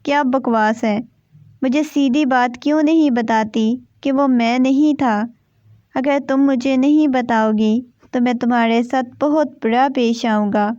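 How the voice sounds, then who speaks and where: A woman's voice: high-pitched, fairly even intonation, a little mellow, dry recording, close to an everyday voice. A woman voicing a stern, short-tempered young husband in a storybook reading. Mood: angry. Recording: dull, dry lo-fi recording.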